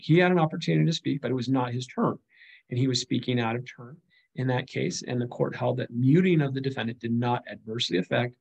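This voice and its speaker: A man's voice: medium pitch, vocal fry, darkish tone, husky, lo-fi sound. A middle-aged man giving a recorded slide lecture on legal studies, speaking conversationally with frequent fillers and restarts.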